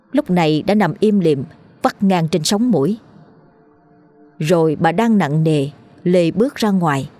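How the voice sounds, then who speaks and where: A woman narrating a horror story in a tense, measured storytelling manner. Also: fairly low pitch, dark tone. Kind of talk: dramatic audiobook narration. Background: faint music.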